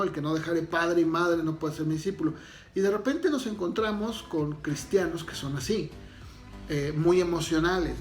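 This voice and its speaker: A man pastor talks through a sermon in an easy, searching way, pausing on fillers and restarting phrases. His voice sits a little high. The room gives it a noticeable echo, with faint music behind. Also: vocal fry. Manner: unhurried, thinks aloud with fillers and restarts. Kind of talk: conversational sermon.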